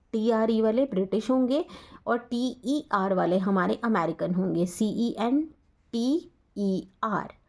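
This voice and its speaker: A woman's voice: fairly high pitch, darkish tone. Indian woman teaching an English lesson. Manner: explains patiently, spells words out letter by letter. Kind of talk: classroom lesson explanation.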